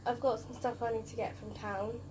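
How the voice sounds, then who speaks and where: A woman co-hosting a vlog, giving quiet, brief replies to her partner. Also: a little high, flat delivery, a little fast, a little hiss or hum, poor audio. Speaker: vlogger. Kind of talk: casual vlog chat.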